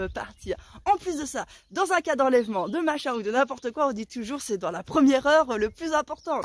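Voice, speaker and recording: Woman, forties, casual vlog storytelling, dramatic and animated, sore throat, a touch high-pitched. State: sore throat, talking softer than usual. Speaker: vlogger.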